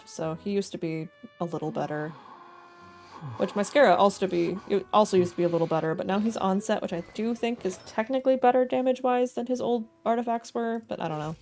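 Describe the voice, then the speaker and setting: A woman's voice: lowish voice, a little mellow. A young woman streaming a game, chatting casually and giggling as she talks to her chat. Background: faint game music.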